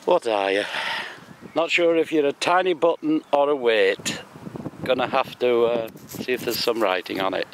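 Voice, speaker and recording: Out on a windy spoil heap at a building site, a British man of medium pitch talks easily as he metal detects, laughing at himself often and taking his time. The handheld-camera audio is poor, with wind blowing through it.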